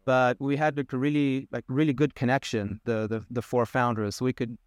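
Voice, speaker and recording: A man in his thirties who grew up in Israel, a podcast guest explaining his work in a relaxed, plain way. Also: mid-range voice, normal speed, no echo, studio quality. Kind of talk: casual interview conversation.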